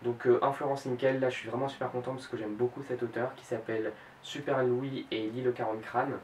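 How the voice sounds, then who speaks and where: In a laid-back vlog recorded at home, a late-teen book blogger talks over the books he means to read, with lots of fillers and self-corrections. The mic is at a distance, so his level, mid-range, somewhat mellow voice carries roomy echo and a faint background hiss.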